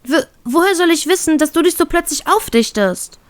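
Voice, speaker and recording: A woman voicing a small, excitable young woman who squeaks and whines, high and tearful. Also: drawn-out words, no room sound, exaggerated voice. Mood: whiny.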